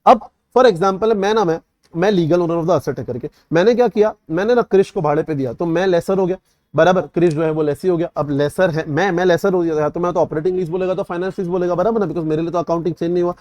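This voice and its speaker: A young man teaches at a rapid clip, his voice a little higher than most. The sound is dry and close. He keeps checking that his students have understood. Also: a little mellow, dry recording. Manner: repeatedly checks understanding, mixes English terms into Hindi. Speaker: CA exam tutor. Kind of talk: revision lecture.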